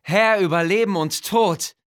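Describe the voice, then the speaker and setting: A man's voice: sits high, a little slow, pitched above the performer's own voice. A man voicing a servile, frightened vizier in an audiobook, speaking hastily and fawningly in a raised voice. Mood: fearful, fawning. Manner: hasty, fawning and fearful. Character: fearful, servile male vizier.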